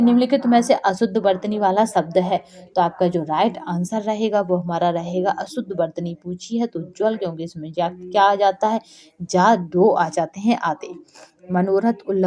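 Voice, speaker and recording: Female teacher, warm mellow tone, walks through answers by asking and answering her own questions. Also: mid-range voice. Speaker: Hindi teacher. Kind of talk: exam-prep lesson.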